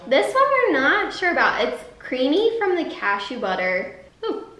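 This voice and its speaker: A woman's voice: high voice, normal speed. A woman in her twenties co-hosting a home cooking vlog, chatting casually and bubbly, filling her talk with "like" as she explains recipes. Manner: bubbly, leans on "like" as filler. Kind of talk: casual chat while cooking. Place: home kitchen, indoors. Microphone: far camera. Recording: roomy kitchen from a distance, steady background hiss.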